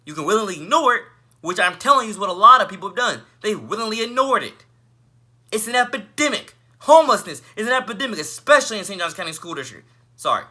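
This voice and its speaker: A young man from Northeast Florida preaches straight to his viewers in a fired-up, news-anchor-style rant. His voice is very bright and piercing, set a little high, and swings widely up and down as he hammers each point. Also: sing-song, fast talker. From Northeast Florida, United States. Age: young adult. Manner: emphatic, repeats "ladies and gentlemen", anchor-like delivery. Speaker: vlogger. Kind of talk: passionate preachy rant to camera.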